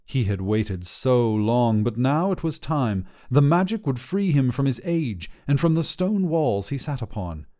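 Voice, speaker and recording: A man reads a short fiction piece aloud in a warm, mellow voice at medium pitch. His delivery is measured and scripted, like a literary storyteller's, and his pitch swings widely.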